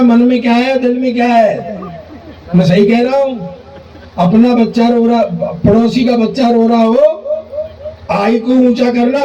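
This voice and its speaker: High-voiced comic poet on stage. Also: male voice, warm tone. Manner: jokey, addresses the audience directly, acts out dialogue. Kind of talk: live stage comedy recital. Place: stage before a live audience. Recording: dull, echoey, distant hall recording.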